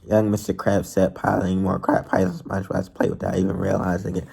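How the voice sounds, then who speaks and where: Gravelly low-voiced man reading a novel aloud. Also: completely flat delivery, brisk, dark tone. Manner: stumbles and restarts while reading. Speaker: reader of a novel.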